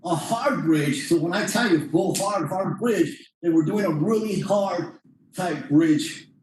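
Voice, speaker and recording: A man's voice: high voice, measured pace, darkish tone. A man teaching a jiu-jitsu class, explaining moves step by step in an informal way as he demonstrates. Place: indoor training room. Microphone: distant camera microphone. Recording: distant mic, very echoey room, faint noise.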